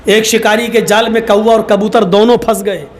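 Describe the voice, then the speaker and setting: A man preaching a sermon, telling humorous stories with animated delivery that rises into fervent shouts. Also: high voice, slight background noise. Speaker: Islamic preacher. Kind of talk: storytelling sermon.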